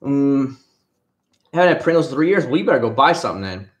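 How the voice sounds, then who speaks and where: A man from Florida hosts a casual livestream, wandering from topic to topic and retelling what he told people. His voice sits at an ordinary pitch. The sound has a noticeable room echo. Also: big pitch swings, fast talker. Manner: rambling, chatty, retells conversations. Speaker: livestream host. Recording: echoey room.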